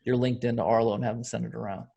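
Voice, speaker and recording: A man's voice: mid-range voice, little pitch movement, racing, vocal fry, dark tone, husky, dull audio. A man of forty, a podcast co-host who jokes in a sarcastic, mock-ranting way. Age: 40s. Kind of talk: casual chat.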